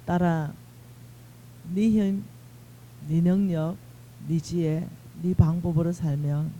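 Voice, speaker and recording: Woman preacher doing the lord talking softly to his daughter, slow and gentle, mellow. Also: on the low side, slight background noise, low-quality recording.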